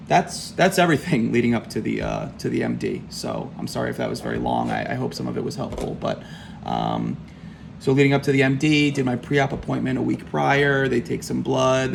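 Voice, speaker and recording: A man speaking casually in a video diary, hesitant and repeating words, with a gravelly voice full of vocal fry. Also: mid-range voice. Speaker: patient recounting his back surgery. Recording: faint background room noise.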